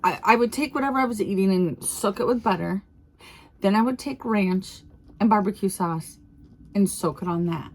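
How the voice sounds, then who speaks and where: A woman vlogger talking casually and gushing with excitement, laughing often as she goes. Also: medium pitch, normal speed. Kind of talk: casual unboxing vlog.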